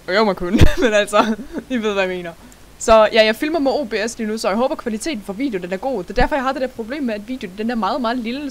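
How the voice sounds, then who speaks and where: A young adult host giving let's-play commentary over a game, excitable, laughing often and dropping English words into the talk. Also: mid-range voice, slight background noise. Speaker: gaming channel host.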